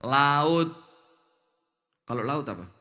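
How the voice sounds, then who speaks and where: A man's voice: mid-range voice, lively intonation, slow, pushed and bright. A man with a Javanese accent preaching a sermon to a live audience. He tells stories with humor and keeps quizzing his listeners. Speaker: Islamic preacher.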